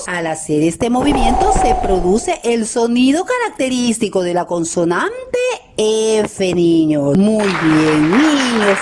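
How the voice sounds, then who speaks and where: Slow, lively-voiced woman teaching phonics. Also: mid-range voice, very noisy. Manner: slow, patient, addresses children constantly, praises often. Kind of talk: children's phonics lesson.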